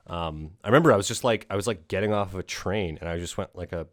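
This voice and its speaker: Fast-talking and low-voiced, a podcast host rambles about a film with lots of fillers, restarts and casual swearing. The recording is dry and studio quality.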